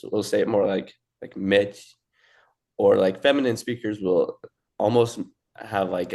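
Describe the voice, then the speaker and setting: A young man teaching a language in a relaxed, casual way, with filler words and restarts. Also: on the low side, vocal fry. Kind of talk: casual lesson.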